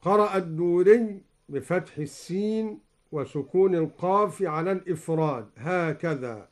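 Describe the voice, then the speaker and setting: In a radio studio, a man teaches Quran recitation, explaining reading variants in a measured, formal manner and chanting each quoted verse slowly. His voice is high-pitched and expressive.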